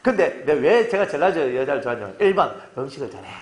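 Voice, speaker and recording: A middle-aged male pastor preaches in a lively, joking manner and keeps asking his listeners to agree. His voice sits somewhat high and swings widely in pitch. He sounds relaxed and conversational from the pulpit. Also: quick pace. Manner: lively and joking, asks the congregation "그죠?" again and again. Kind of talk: sermon.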